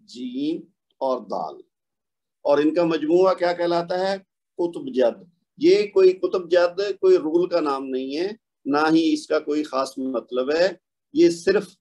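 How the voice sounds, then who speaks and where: A man's voice: fairly high pitch, darkish tone. A man teaching a recitation lesson, patiently explaining rules, asking questions and answering them himself, and sounding out examples. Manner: patient, asks and answers his own questions. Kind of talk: tajweed lesson, explaining and modeling pronunciation.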